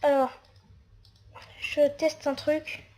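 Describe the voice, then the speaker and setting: High-voiced woman, slow hesitant tutorial. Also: flat delivery, mellow. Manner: hesitant, narrates actions with fillers. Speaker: game tutorial maker. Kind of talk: casual screen-recorded game tutorial.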